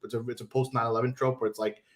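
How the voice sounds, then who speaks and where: A man hosting a podcast and chatting casually, animated and quick, with many restarts. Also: medium pitch. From New York. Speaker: podcast host. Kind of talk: casual chat.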